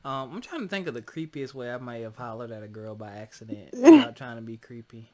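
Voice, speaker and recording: A man's voice: medium pitch, very animated, brisk, mellow, a little hiss or hum. A man hosting a podcast in casual chat, laid-back and slangy with a teasing streak. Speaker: podcast host.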